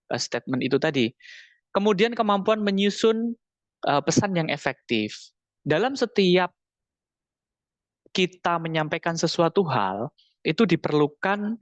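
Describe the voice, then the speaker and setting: A public speaking coach giving an online webinar lecture, explaining with examples, reading out audience comments and mixing in English terms. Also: male voice, fairly high pitch, dry recording, highs cut off. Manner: sprinkles English terms into his talk.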